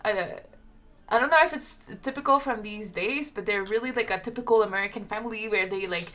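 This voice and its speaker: Bright, giggly woman role-play player. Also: mid-range voice, fairly quick. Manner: giggly, rambling, full of fillers. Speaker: tabletop game player. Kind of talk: casual role-play table talk.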